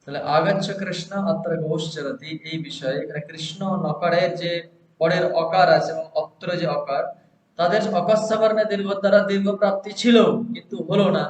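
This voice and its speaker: A man's voice: high voice, a little fast. A man teaching a grammar lesson, who explains step by step and asks and answers his own questions. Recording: echoey, dull lo-fi room recording with faint hiss.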